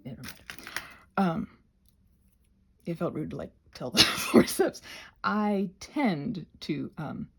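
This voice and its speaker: Gravelly and breathy, this woman's voice sits on the low side. In a phone-recorded craft video, she demonstrates prepping butterfly wings, wandering off on theatrical tangents and chatting with herself and her materials as she goes.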